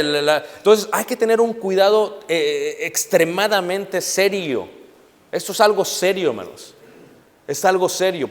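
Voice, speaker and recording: A middle-aged male preacher delivers a sermon with emphatic insistence, turning again and again to his listeners. His voice sits fairly high for a man. It rings out with a long echo through a big church hall. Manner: emphatic, repeatedly addressing the congregation. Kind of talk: Spanish-language sermon.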